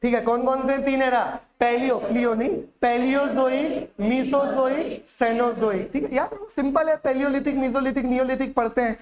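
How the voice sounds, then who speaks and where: A man's voice: very high-pitched, fairly even intonation, normal speed, few pauses. A male teacher lecturing a classroom in Hindi, quizzing students with repeated questions and memory tricks, with a Chhattisgarh accent. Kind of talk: classroom lecture with call-and-response drills.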